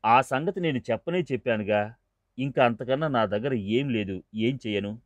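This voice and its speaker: A man's voice: moderate pace, no echo, close to an everyday voice. A man reading the part of a weeping, remorseful male devotee who pleads desperately, in a dull, dry recording. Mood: anxious. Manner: pleading, sobbing, higher and strained.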